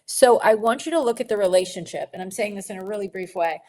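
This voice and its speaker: A woman coaches a women's group about their relationship with money, giving a gentle, encouraging teaching talk. Her mid-range voice moves fast, and she sniffles a little while laughing often.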